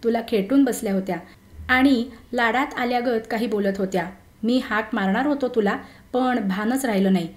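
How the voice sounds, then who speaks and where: Woman reader playing an earnest young college friend, grave and sincere, fairly high voice, echoey room. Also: moderate pace, natural voice. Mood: friendly. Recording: roomy echo.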